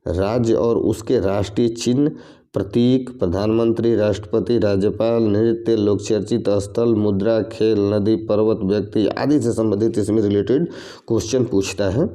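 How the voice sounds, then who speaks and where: A man teaches reasoning for entrance exams. His voice is low-pitched and very dark and mellow. He explains patiently, repeating each question and option before giving the answer. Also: fairly even intonation, moderate pace. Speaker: exam coaching teacher. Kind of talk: reasoning lesson for competitive exams.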